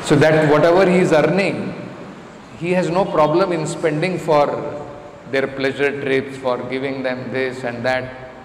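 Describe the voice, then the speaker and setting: A man's voice: a little high, steady tone, measured pace. A middle-aged man with an Indian accent giving an emphatic scripture lecture, repeating phrases for stress. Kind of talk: scripture lecture with everyday examples. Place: indoor temple lecture room. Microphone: stand microphone close to the mouth. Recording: roomy hall reverb, faint background noise.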